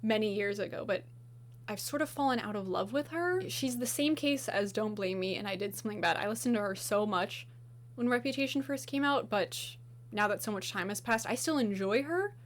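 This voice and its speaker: Gushing woman, slightly hoarse. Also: mid-range voice, brisk, a little hiss or hum. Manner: gushing, enthusiastic, filler-heavy. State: slightly hoarse, losing her voice. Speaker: video host. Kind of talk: casual music ranking chat.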